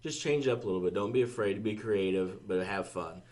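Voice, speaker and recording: A man co-hosting a casual business podcast, giving steady, easygoing advice with fillers. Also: fairly low pitch, quick pace. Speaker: podcast co-host, marketing staff.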